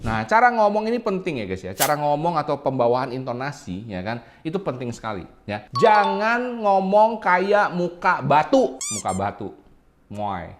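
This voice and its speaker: A man giving casual, animated tutorial talk to viewers as a YouTube growth coach, with playful asides and swooping intonation. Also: mid-range voice, a little fast, a little hiss or hum.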